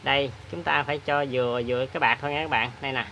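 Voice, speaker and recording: A man hosts a hands-on repair demonstration, talking in a chatty, plain-spoken way with many filler pauses. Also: medium pitch, steady tone, gravelly, noisy background. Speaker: repair tutorial host.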